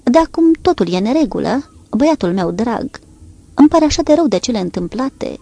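Brief: woman narrator doing a soft, soothing young woman, a little raised, gravelly edge. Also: fairly high pitch, very animated, no echo, voice pushed up, exaggerated voice. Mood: tender. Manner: gentle, soothing. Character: tender young woman comforting her hurt man.

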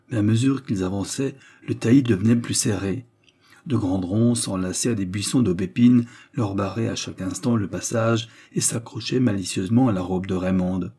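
A man narrating a classic novel as an audiobook in a calm, measured reading. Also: lowish voice, slightly rough.

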